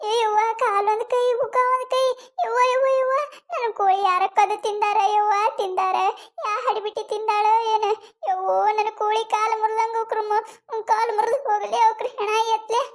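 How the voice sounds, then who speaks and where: A shrill, very high-pitched village woman with a North Karnataka accent wails over her lost hen, as a woman puts her on. She curses and accuses her neighbours loudly. It is a cartoon comedy voice. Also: little pitch movement, fairly quick. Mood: lamenting. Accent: North Karnataka Kannada. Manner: wailing, cursing, accusing.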